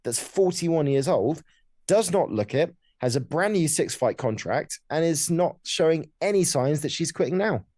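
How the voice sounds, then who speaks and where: A man's voice: a little high, lively intonation, moderate pace, a little mellow, no echo. Man giving dry-sounding casual sports commentary. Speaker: podcast host.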